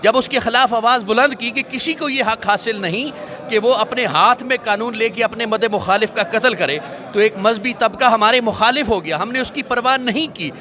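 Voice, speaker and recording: A male religious scholar answering a reporter outdoors, speaking in a measured preaching cadence and citing scripture. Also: very high-pitched, bright, forceful tone. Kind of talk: street interview answers.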